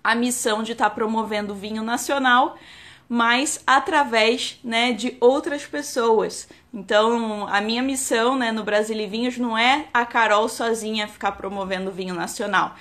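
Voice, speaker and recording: A fairly bright, fairly high, steady voice belongs to a woman in her thirties from Rio de Janeiro, Brazil, an enologist with a Carioca accent speaking on a live stream. She keeps a moderate pace and talks chattily, padding sentences with "né" and "tá" and restarting them.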